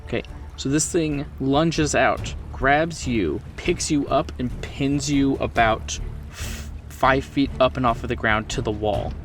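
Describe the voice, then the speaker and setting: Game-mastering a horror tabletop game, a man with a mid-pitched voice walks players through rules and scenes off the cuff, in an unhurried, conversational manner. He sits a bit away from the mic, and a music bed plays clearly in the background.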